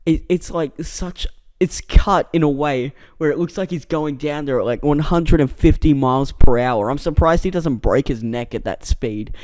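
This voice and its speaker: A man's voice: a little high, normal speed, hardly any pauses, darkish tone, no room sound. Rambling, stammering man on a close mic. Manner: stammering, rambling, self-deprecating. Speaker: vlogger. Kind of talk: rambling casual monologue. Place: indoor room. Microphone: close mic with plosive pops.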